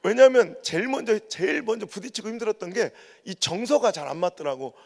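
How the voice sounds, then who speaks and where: A man's voice: high voice, expressive, fast talker, vocal fry, darkish tone. A man preaching a revival sermon as a pastor, telling humorous stories with mimicked dialect quotes. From Korea, raised in Chungcheong. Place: large church sanctuary. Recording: long church reverb.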